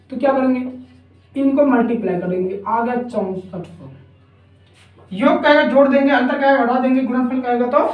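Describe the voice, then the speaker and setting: Echoey higher-voiced woman teaching maths. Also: far from the mic. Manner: repetitive, asks rhetorical questions, often checks with "ठीक है ना". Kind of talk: explaining a maths lesson step by step.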